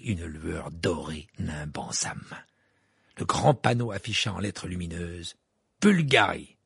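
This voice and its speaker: A man narrating an audiobook with an expressive, animated reading. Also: lowish voice, creaky, slightly rough, dry recording, studio quality. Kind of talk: scripted narration.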